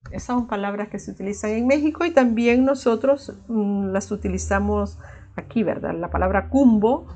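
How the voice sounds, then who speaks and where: A woman from El Salvador speaks with a Salvadoran Spanish accent as she teaches a recorded online class. Her voice is mellow and warm, with ordinary pitch for a woman. She explains patiently, checking in with tag questions and filling pauses with "eh". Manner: explanatory, frequent "¿verdad?" tag questions and "eh" fillers.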